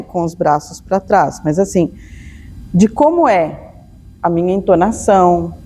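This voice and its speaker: A woman's voice: medium pitch, warm tone, long reverb tail. A Brazilian woman giving a spiritual lecture to an audience, telling everyday stories and acting out bits of dialogue. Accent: Brazilian Portuguese. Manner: storytelling, acts out dialogue.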